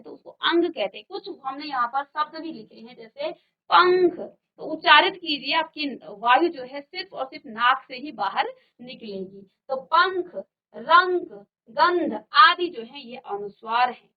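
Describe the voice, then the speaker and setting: A woman teacher leads a virtual classroom lesson in a high voice, going through the material step by step. She stops to put questions to her students. The recording sounds dull and lo-fi. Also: expressive, normal speed. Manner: explains step by step and quizzes students.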